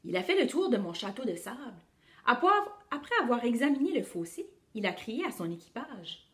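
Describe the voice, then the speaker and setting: Expressive woman reading to kids. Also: a little high, brisk, roomy sound. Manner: expressive, speaks directly to young listeners. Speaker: teacher reading to children. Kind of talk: children's storytelling read-aloud.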